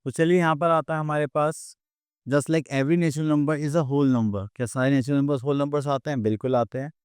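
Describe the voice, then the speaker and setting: A man's voice: fairly high pitch, fairly even intonation, clean tone, no echo, studio quality. A man teaching a math lesson to students, mixing Hindi and English, asking questions and answering them himself. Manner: slows down to read textbook lines aloud.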